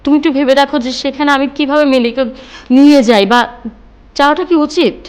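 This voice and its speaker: Actress doing a wife on her way out, high voice, pleading and bitter. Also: steady tone, fairly quick, darkish tone, close to an everyday voice. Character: wife leaving for abroad, female adult, tense. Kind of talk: TV drama acting.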